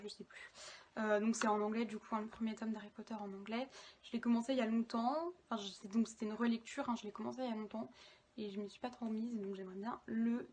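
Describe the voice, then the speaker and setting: A young woman chats in a casual reading vlog, her voice sitting a little high. She talks loosely and hesitantly, often stopping on fillers. It sounds like a phone recording with a faint hiss underneath. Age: young adult. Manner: chatty, many hesitations and fillers. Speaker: book vlogger. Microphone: phone camera.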